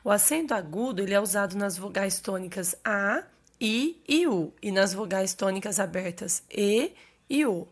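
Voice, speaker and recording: A woman's voice: medium pitch, animated, moderate pace. A woman teacher explaining grammar rules to her students, checking in often with short questions. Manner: explanatory, checks in with frequent "ok?" and "certo?". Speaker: Portuguese teacher. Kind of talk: recorded online grammar lesson.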